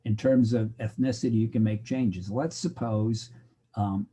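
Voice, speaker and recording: An older American man delivers a recorded sociology lecture in a low, mellow, slightly breathy voice with fairly even intonation and an unhurried pace. He talks loosely and conversationally, wanders into digressions, and acts out the exchanges he quotes.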